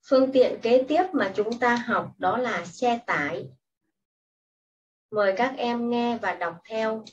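A woman teacher giving patient, step-by-step instructions in a slow classroom style. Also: a little high. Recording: distant, muffled mic with faint hiss.

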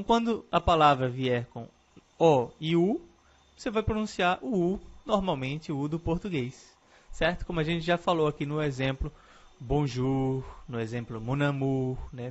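A man with a fairly high voice gives a video lesson on French pronunciation. He explains patiently and keeps checking in with his viewers. The recording sounds a little dull and lo-fi. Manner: explains patiently, often adds "né?" as a tag. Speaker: French teacher.

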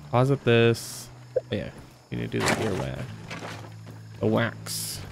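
A man's voice: mid-range voice, very animated, unhurried, gravelly, noisy background. A man streaming a video game, thinking aloud in a rambling, jokey way. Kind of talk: casual gameplay commentary.

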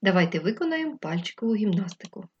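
A woman teacher giving a remote lesson to first graders, talking slowly and clearly to the children. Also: mid-range voice, sing-song, a little mellow, dull audio, slight background noise. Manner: slow, clear dictation addressed to children. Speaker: primary school teacher.

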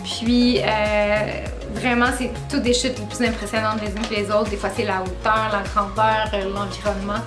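Speaking at normal speed with few pauses, a woman in her twenties with a Québécois accent has a medium pitch and flat delivery. She talks chattily about her travels, full of filler "euh"s and self-directed laughter. The small room with string lights and a bookshelf gives a roomy echo over background music.

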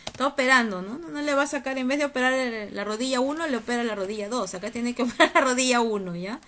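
A woman's voice: on the high side, fast, a bit bright. A woman teacher lecturing students on a video call, coaxing and teasing them with questions. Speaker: university teacher. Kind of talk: online class lecture.

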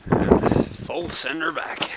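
A young man vlogging casually outdoors on a snowmobile, talking in a relaxed, halting way with fillers, recorded on an action camera. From Newfoundland, Canada. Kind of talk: casual vlog narration. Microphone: action camera mounted on snowmobile. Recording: loud wind noise, outdoor camera mic.

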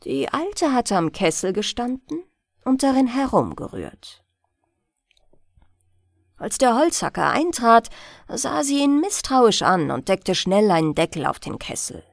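A woman reads a bedtime fairy tale for a scripted audiobook, slow and highly melodic, with a slight creak in her voice. Her pitch sits on the high side and swings widely as she tells the story deliberately and expressively, and the recording is dry and studio-clean.

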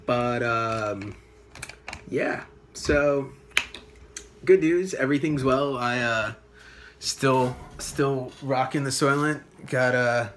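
Slightly bright and medium in pitch, this man's voice comes with slight background noise. In his late twenties, he films himself on a phone at arm's length inside a small apartment, rambling casually, cursing, and halting with fillers.

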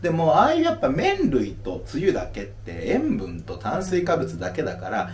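A man's voice: fairly high pitch, wildly swooping pitch, normal speed, darkish tone, roomy sound, distant mic. A man in his thirties from Japan, a comedian answering audience questions after a show in a playful, mock-serious lecturing way. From Aomori, Japan. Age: 30s. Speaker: stand-up comedian. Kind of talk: casual Q&A talk after a live show. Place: live venue.

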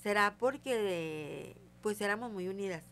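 A woman's voice: medium pitch, lively intonation, measured pace, a bit bright. An older woman, a guest psychic telling stories in a casual interview and acting out the voices in them. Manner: tells stories vividly, acting out quoted dialogue.

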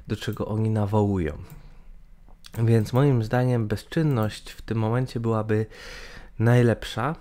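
The webcam in the corner of this screen capture records a gaming channel host from Poland, a man in his twenties, sitting in a small room and giving his opinion. He speaks in a lowish, mellow voice, hesitating often with fillers and restarts.

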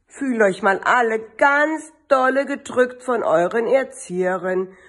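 A woman kindergarten teacher reading a picture book aloud to children, telling the story slowly with sing-song refrains. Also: medium pitch.

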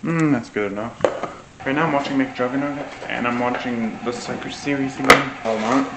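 A young man in his twenties, speaking at medium pitch and a moderate pace, rambles offhandedly through a casual home cooking vlog packed with fillers. He's a vlogger in a small indoor home kitchen, captured by a camera sitting on the counter some distance away. The kitchen sounds echoey, with noise in the background.

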